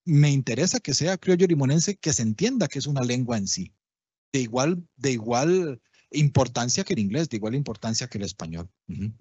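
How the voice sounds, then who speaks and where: A man's voice: medium pitch, expressive, brisk, dark tone, breathy edge, no echo. A man giving a public talk, explaining things patiently and often checking in with his audience. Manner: explanatory, keeps checking in with listeners. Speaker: lecturer. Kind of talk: public talk on language history. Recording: dull lo-fi livestream audio, dry.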